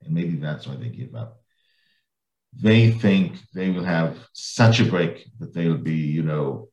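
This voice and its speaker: A man's voice: a bass voice, slow, darkish tone. Man, podcast host, casual interview chat, roomy echo, muffled lo-fi sound. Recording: echoey, dull lo-fi room sound.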